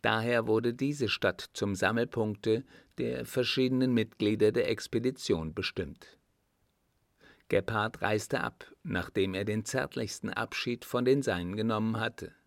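A man narrating an old novel as an audiobook, measured and even. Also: lowish voice, vocal fry, no room sound, studio quality. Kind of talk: scripted narration of a classic novel.

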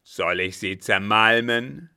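A man's voice: fairly even intonation, measured pace, clear, resonant tone. A man reading a German story aloud, voicing a blustering, domineering old captain who roars his threats. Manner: booming, shouted outbursts.

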